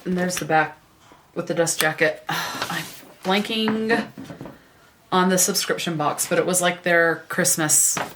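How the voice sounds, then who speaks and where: A woman's voice: fairly low pitch, measured pace, background noise. A woman hosting a casual book vlog, chatting and reading book synopses aloud, with small stumbles and self-corrections. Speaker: book vlogger.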